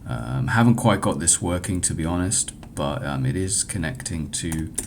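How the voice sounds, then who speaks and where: A man, a hackathon developer, walks through a casual demo of his own software project. He talks hesitantly and haltingly, stumbling often. The audio is clear apart from some low background rumble.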